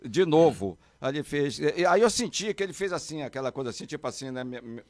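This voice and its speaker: A middle-aged man, telling a story as a podcast guest and acting out quotes in a high, excited voice. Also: fast talker, dry recording. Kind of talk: animated storytelling.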